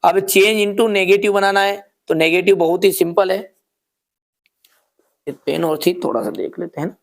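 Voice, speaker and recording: Man, teacher, slow-paced, patient, word-by-word reading, frequent checks with the class. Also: high-pitched, fairly even intonation, vocal fry. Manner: reads English sentences word by word. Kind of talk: exam paper lesson.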